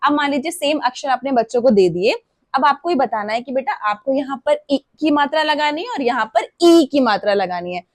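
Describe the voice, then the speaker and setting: High-voiced woman teaching vowels. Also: animated, dry recording. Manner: stretches and repeats example words slowly. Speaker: preschool Hindi teacher. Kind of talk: explaining a lesson to parents.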